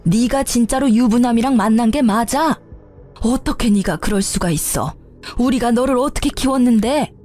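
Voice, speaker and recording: A woman's voice: a little high, warm tone, faint music behind, close to an everyday voice. A woman voicing a reproachful older mother. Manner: reproachful, slow questioning. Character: shocked older mother questioning her daughter.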